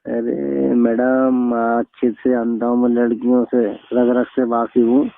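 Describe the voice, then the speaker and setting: On a tinny telephone recording, a young man from northern India who took the call argues bluntly and scoldingly. His medium-pitched voice is monotone and unhurried, with vocal fry.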